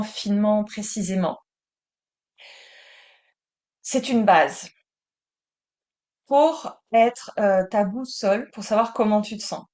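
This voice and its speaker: French woman teaching meditation, calm and soothing, very slow delivery. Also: medium pitch.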